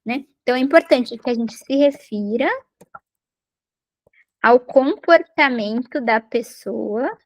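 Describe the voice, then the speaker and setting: High-voiced woman teaching parents. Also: slow pace, pauses often. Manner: explanatory, repeats and rephrases points, tag questions. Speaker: parenting educator. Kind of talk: recorded lecture on parenting skills.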